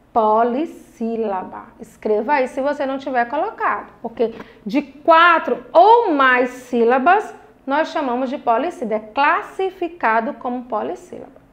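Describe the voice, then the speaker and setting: This high, fairly bright voice belongs to a young Brazilian primary school teacher with a Brazilian Portuguese accent. She's recording a lesson for children, speaking with patience and encouragement while drawing out every syllable.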